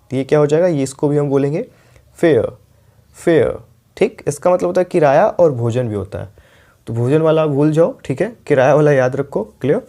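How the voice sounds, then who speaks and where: A young man with an Indian accent teaches an English grammar lesson, explaining patiently and slowly repeating example sentences. His voice is fairly high with a dark tone.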